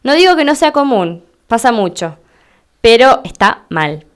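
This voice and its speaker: A woman with an Argentine Spanish accent giving a slow, deliberate explanatory lesson, spelling things out for her listeners. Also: on the high side, sing-song. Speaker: Spanish teacher.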